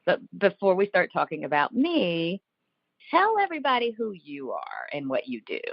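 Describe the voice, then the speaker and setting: A woman's voice: on the low side, huge pitch swings, moderate pace, creaky, breathy edge, no echo, lo-fi sound. A woman podcast host with a Southern Ohio Appalachian accent, talking candidly and informally to listeners and her guest. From Southern Ohio Appalachia, United States. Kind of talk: conversational podcast introduction and chat.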